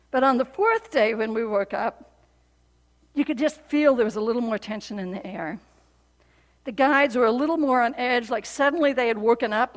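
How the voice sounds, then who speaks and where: A woman pastor giving a sermon, telling a story in an animated, conversational way with frequent fillers. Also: a little high. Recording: long reverb of a large hall.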